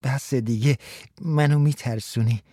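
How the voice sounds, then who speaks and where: A man's voice: medium pitch, fairly even intonation, warm tone, dry recording, clean studio sound, close to an everyday voice. A man voicing an awkward, nervous young man who speaks hesitantly, in a storybook reading. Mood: uneasy.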